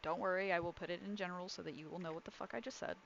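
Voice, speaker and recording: A woman's voice: on the low side, fairly even intonation, rapid-fire, vocal fry, fairly bright tone, lo-fi sound. A woman running a tabletop game, improvising descriptive narration in an informal way. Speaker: game master.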